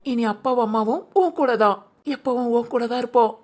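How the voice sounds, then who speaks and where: A high voice of a repentant middle-aged father, as a woman acts him out. He speaks gently and apologetically. This is cartoon voice acting. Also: fairly quick, natural voice. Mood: remorseful.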